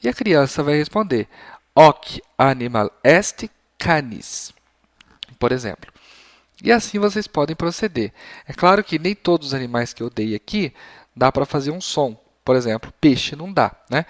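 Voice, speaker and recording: A man teaching Latin for young children to parents, patient and explanatory, his voice slightly failing as he often clears his throat. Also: fairly high pitch, dry recording, studio quality. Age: adult. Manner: patient and explanatory, models phrases slowly. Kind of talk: explanatory lesson.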